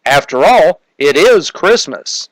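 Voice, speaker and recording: A man's voice: fairly high pitch, sing-song, takes it slowly, background noise, pitched above the performer's own voice. A man voicing a jolly, exclaiming old Santa Claus in a comedic radio detective parody, with music behind. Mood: earnest. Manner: exuberant, exclaiming.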